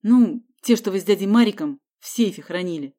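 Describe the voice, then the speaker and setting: A woman's voice: medium pitch, animated, a little fast, mellow, natural voice. A woman voicing a sullen young man who grumbles his answers.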